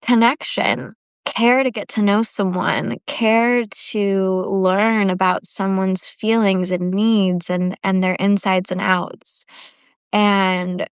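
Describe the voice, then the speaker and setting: A woman's voice: medium pitch, fairly even intonation, slow, smooth, no room sound. Chatty woman hosting a live session. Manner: chatty, with frequent "like" fillers. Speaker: self-love workshop host. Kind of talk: casual livestream talk after a guided meditation. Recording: dry, slightly dull lo-fi livestream audio.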